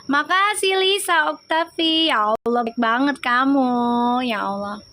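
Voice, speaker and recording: A woman hosts a live tarot reading and talks in a high, bright register. She chats loosely and teases her viewers. Her talk keeps breaking into laughter. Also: takes it slowly, a little hiss or hum. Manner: chatty and teasing, breaks into laughter often. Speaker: tarot reader on a live stream.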